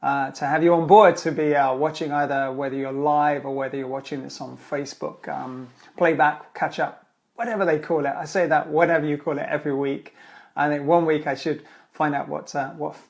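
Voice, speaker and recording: A man's voice: fairly high pitch, fairly even intonation, brisk, gravelly. A man hosting a live-streamed question-and-answer show as a trainer and speaking coach, talking in a chatty, rambling way with many fillers and restarts.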